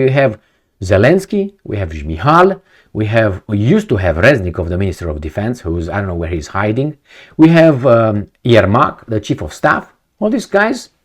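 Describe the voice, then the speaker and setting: A man from Romania, giving a rambling opinion monologue to camera, full of rhetorical questions and repetition. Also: medium pitch. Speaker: video commentator.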